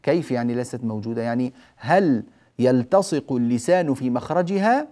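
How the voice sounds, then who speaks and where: A man teaching Quran recitation rules in a recorded lesson, who explains patiently, asks and answers his own questions, and draws out quoted words slowly. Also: mid-range voice, animated, warm tone.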